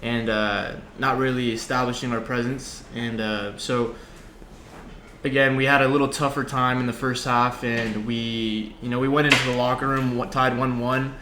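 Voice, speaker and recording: A man's voice: medium pitch, flat delivery, normal speed. A young man, a sports guest, talking casually and conversationally. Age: young adult. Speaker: soccer player, podcast guest. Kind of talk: casual chat. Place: indoor lounge seating area. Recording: roomy echo, faint background noise.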